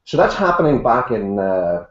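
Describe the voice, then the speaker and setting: This older man with an Irish accent, from Ireland, is a guest author on an online panel, speaking at normal speed in a medium-pitched, sing-song voice. He uses dry, self-mocking humor and fills pauses with lots of "uh." Sound quality is dull and lo-fi in an echoey room.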